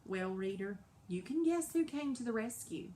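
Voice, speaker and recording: A woman's voice: fairly high pitch, lively intonation, moderate pace, mellow, a little hiss or hum. Woman reading a children's novel aloud. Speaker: audiobook narrator. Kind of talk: expressive storybook narration.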